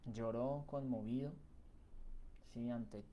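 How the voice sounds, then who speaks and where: A man's voice: medium pitch, fairly even intonation, slow, warm tone, dull audio, a little hiss or hum. A man giving a Bible reflection in a conversational way, with many fillers and tag questions. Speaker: preacher.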